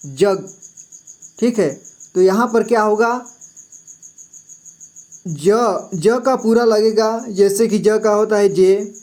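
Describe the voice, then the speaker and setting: A man's voice: sits high, a little mellow. A man teaching Hindi syllables in a patient classroom style. He repeats each sound and checks in often. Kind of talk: slow classroom-style explanation.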